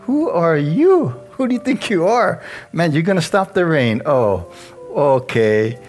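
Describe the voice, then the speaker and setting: A man's voice: fairly high pitch, very animated, unhurried, faint music behind. A man playing a scoffing, disbelieving king. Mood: incredulous. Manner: mocking, disbelieving questions. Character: incredulous scoffing ancient king, male adult.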